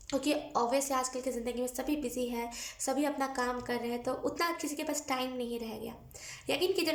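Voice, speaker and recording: A woman giving a collective tarot reading to her viewers, earnest and coaxing, repeating her advice as she speaks directly to them. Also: sits high. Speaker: tarot card reader. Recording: echoey room.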